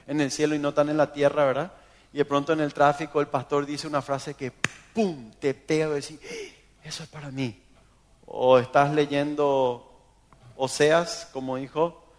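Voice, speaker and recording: Argentine pastor preaching in an echoey hall. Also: male voice, a little high. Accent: Argentine Spanish. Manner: animated storytelling, acts out quoted voices. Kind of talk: sermon. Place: church. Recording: long hall reverb.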